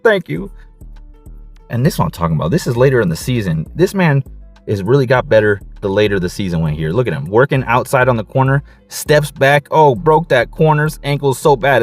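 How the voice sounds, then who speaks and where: A man coaching and breaking down football game film, excited, casual, and repeating his catchphrases. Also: medium pitch, no echo.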